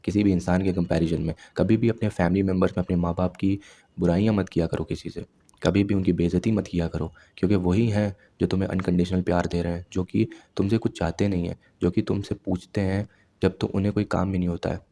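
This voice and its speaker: A young man in his twenties speaks low and flat, his voice gravelly and dark. He lectures his viewers directly, handing out blunt self-improvement advice one point at a time. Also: quick pace. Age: 20s. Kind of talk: advice monologue to camera.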